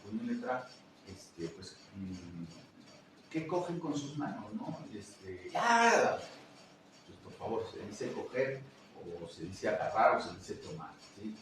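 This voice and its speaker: A man, a teacher, chatting casually and telling classroom stories in an animated way that acts out other voices. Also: lowish voice, unhurried, far from the mic. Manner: animated, acts out quoted voices and laughs often. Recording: roomy echo, away from the mic, faint noise.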